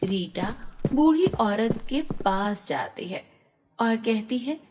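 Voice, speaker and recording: Children's story narrator, woman, slow, expressive, high lively voice. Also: noisy background.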